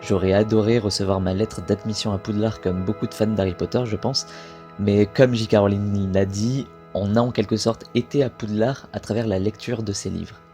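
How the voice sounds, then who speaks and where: A man's voice: lowish voice, steady tone, moderate pace, dark tone, faint music behind. A young man from France talking casually to camera, chatty and self-correcting as he goes. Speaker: video creator.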